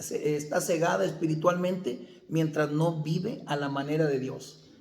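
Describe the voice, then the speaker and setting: A man's voice: high voice, darkish tone, reverberant. A male pastor preaching a sermon, asking the congregation questions and answering them himself.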